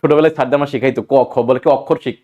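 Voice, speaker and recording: A man's voice: medium pitch, steady tone, rapid-fire, lo-fi sound. A man from Bangladesh, teaching an exam-prep grammar lesson and quizzing listeners before answering his own questions.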